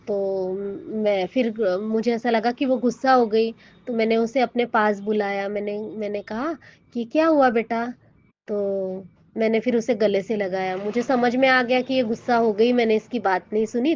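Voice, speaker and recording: A woman's voice: fairly high pitch, normal speed, darkish tone. A woman giving an earnest, emotional personal devotional testimony, often addressing her listeners directly. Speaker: devotee sharing her experience. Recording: dull, dry lo-fi audio.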